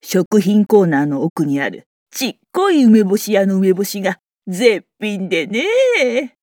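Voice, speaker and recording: A woman's voice: mid-range voice, very animated, measured pace, darkish tone, no room sound, studio quality. A woman playing a chatty, secretive old townsperson who talks in a folksy, teasing, wise-elder way. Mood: chatty, fond. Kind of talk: character monologue.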